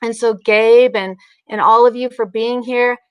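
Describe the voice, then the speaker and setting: A woman teaching mindfulness and guided breathing in an informal, instructional way, leaving pauses between her phrases. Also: a little high, steady tone, smooth, no room sound. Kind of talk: guided breathing meditation and informal spiritual talk.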